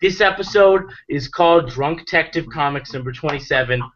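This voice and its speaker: Male host, drunk and rambling, bright forceful voice, dull lo-fi recording. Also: fairly high pitch, fairly quick, a little hiss or hum. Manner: rambling, with loose restarts. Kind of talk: casual chat. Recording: dull lo-fi sound.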